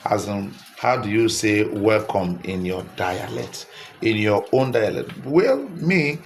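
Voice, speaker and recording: Low-voiced Nigerian man vlogging. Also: animated, slow pace, slight background noise. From Delta State, Nigeria. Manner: repetitive, engaging, coaxing viewers to comment. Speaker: social media creator. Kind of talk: casual direct-to-camera vlog.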